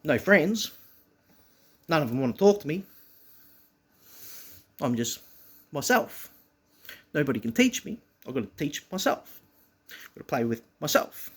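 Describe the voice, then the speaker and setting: A man telling a personal story in an emphatic, profane, rough-edged way. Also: on the high side. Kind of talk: personal monologue.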